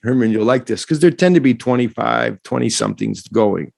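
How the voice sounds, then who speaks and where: A man guesting on a podcast, talking in an animated, rambling way and often turning to address the host. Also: medium pitch, creaky, dry recording, clean studio sound. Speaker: guest, non-profit founder and educator. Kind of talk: casual podcast conversation.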